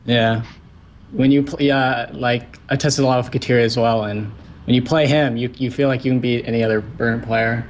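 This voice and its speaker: A man's voice: medium pitch, fairly even intonation, moderate pace, a little hiss or hum. A man being interviewed after winning a card game tournament, talking casually and hesitantly, with many fillers. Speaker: tournament winner guest.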